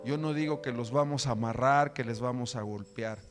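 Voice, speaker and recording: A man pastor preaching a sermon with fervent rhetorical questions, swinging between loud emphatic lines and quiet low ones. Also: moderate pace, music in the background.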